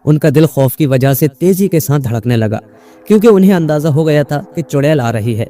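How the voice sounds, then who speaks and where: Mellow male storyteller over soft music. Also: on the high side, lively intonation. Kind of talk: scripted narration.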